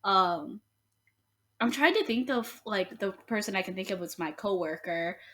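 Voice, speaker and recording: A young woman in relaxed podcast conversation, filling her sentences with "like" and wandering through stories. She makes light of herself as she goes, in a voice of ordinary middle pitch for a woman. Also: normal speed. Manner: chatty, rambling, heavy use of "like", self-deprecating. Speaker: podcast co-host. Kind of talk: casual chat.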